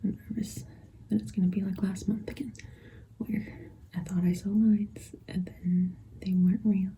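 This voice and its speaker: A woman's voice: medium pitch, level tone, moderate pace, dark tone, a little hiss or hum, low-quality recording. A young adult woman whispering a personal vlog, tearful and nervous. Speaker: vlogger filming a pregnancy test. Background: guitar music.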